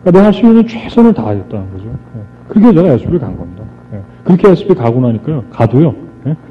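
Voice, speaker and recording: A middle-aged man giving an animated storytelling speech to a live audience, joking with the crowd and acting out conversations. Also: medium pitch, rapid-fire. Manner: animated, re-enacts dialogue and jokes with the crowd. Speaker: motivational speaker. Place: stage before a live audience. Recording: tinny lo-fi archive recording with faint music.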